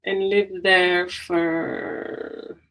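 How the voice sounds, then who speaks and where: Reflective woman guest, slightly low voice. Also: level tone, very slow, rough recording. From Angola. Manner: reflective, with frequent restarts and soft laughs. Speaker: psychotherapist and healer, guest. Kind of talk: conversational interview.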